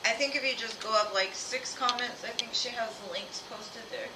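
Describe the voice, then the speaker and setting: A woman hosts a live tarot reading stream, chatting casually and familiarly with her viewers. Her voice is a little high at a moderate pace, picked up by a distant mic in a roomy space with clear background noise.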